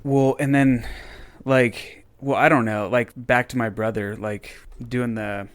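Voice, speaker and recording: A man's voice: mid-range voice, slow pace, clean tone. Rambling young man chatting casually. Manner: rambling, filler-heavy, animated. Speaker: podcast co-host. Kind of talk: casual chat.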